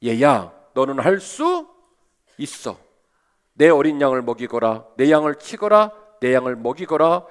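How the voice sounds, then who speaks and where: A man voicing a gentle Lord who speaks softly and slowly to a disciple. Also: very animated, clean tone. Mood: tender. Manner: slow, soft, lowered voice.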